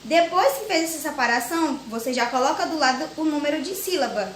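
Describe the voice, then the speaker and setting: Young brazilian teacher lady, high voice, spells out syllables slow for little kids. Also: animated. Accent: Brazilian Portuguese. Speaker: primary school teacher. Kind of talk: recorded remote grammar lesson for children. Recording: echoey room with faint hiss.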